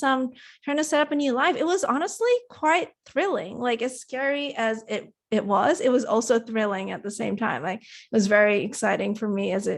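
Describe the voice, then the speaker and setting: A woman who grew up in Indonesia and Australia, a TV producer and interview guest, telling her story in a chatty, rambling way with plenty of fillers. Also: mid-range voice. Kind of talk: casual interview.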